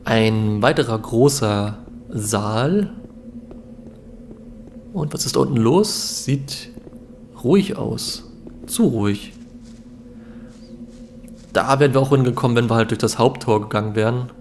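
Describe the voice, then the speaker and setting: A man's voice: mid-range voice, moderate pace, a little mellow, slight background noise. A young man giving casual let's play commentary in a laid-back, musing way. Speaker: let's player. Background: game ambience.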